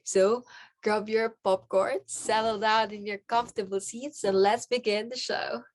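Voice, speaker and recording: A woman's voice: medium pitch, steady tone, a little slow. A young woman with a Filipino accent, hosting a talent show in an upbeat, scripted manner. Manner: upbeat, announcing. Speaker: host.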